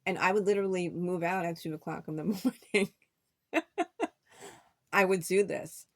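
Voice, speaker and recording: A woman's voice: on the low side, fairly even intonation, normal speed. A middle-aged woman telling a personal story in a rambling vlog monologue, repeating words and acting out what friends said. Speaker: vlogger.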